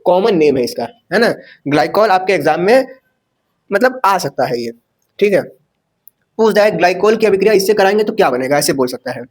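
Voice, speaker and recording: High-voiced chatty male chemistry teacher. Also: big pitch swings, brisk. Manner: chatty, asks rhetorical questions, jokes and corrects himself. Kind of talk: casual chalkboard lecture.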